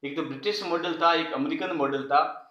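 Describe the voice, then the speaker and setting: A man's voice: on the high side, moderate pace, sharp tone, lo-fi sound. Man lecturing in an echoey room. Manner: explanatory, repeats key phrases, frequent filler "uh". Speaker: college political science lecturer. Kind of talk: online class lecture.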